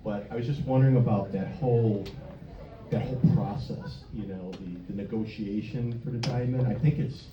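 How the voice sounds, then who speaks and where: A middle-aged man hosting a comedy show, talking haltingly with many fillers. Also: fairly low pitch, far from the mic. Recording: lo-fi, roomy, off mic, loud noise.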